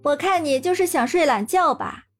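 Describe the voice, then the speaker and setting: Woman doing a high, lively teasing young woman. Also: moderate pace, soft background music. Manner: teasing, complaining.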